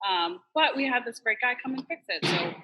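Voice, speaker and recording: A woman's voice: on the high side, expressive, fairly quick, slightly rough, dull audio. A woman from Massachusetts, a restaurant co-owner, talking candidly in a casual interview with lots of "like" and "you know". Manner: chatty, candid, fillers like "like" and "you know", swears.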